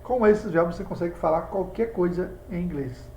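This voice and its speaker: A man's voice: sits high, brisk, warm tone. A man with a Brazilian Portuguese accent, teaching English in a video lesson and walking students through examples. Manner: explanatory, talks students through examples on a board. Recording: echoey room with faint background hum.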